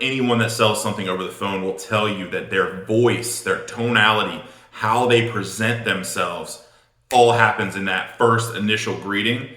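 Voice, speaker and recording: This man's voice sits on the low side with a sharp edge as he delivers a sales-coaching lesson. He speaks bluntly and informally with strong emphasis, hammering points home through repetition, in an echoing room.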